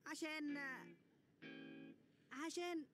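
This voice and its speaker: A woman's voice: sits high, extremely slow. A woman voicing an eager, boastful yet sensitive boy comedian in an Egyptian Arabic cartoon dub, speaking earnestly. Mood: nervous. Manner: excitable, earnest. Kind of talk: animated cartoon dub acting. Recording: music behind the voice.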